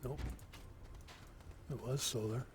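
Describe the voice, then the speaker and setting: A man giving relaxed solo commentary as he plays, slow and musing, thinking aloud to himself. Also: medium pitch, a little hiss or hum. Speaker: gameplay commentator.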